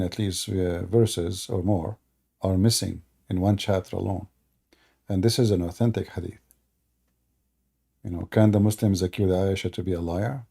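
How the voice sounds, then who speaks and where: Husky, warm, and creaky, this man's voice sits on the low side as he runs a casual live call-in chat. He mocks opponents with laughter, speaking emphatically and with non-native grammar.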